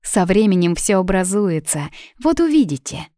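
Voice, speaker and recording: A woman voicing a kindly, chatty maid who speaks in a gentle, reassuring way. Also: lowish voice, big pitch swings, normal speed, no echo, clean studio sound. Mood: soothing.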